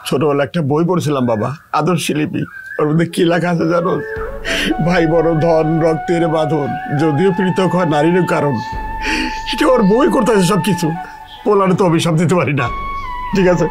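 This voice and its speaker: A man's voice: fairly high pitch, normal speed, close to an everyday voice, low-quality recording. An older man, playing a sorrowful, resigned father in a TV drama, with music underneath. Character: aging father hurt by his sons. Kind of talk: TV drama acting.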